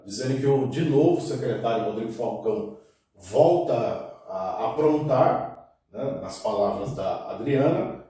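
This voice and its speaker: A man's voice: mid-range voice, dark tone. A man giving spoken news commentary on a podcast panel, often tagging sentences with "né" and restarting phrases. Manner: frequent "né" tags and self-restarts. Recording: very echoey room, mic at a distance.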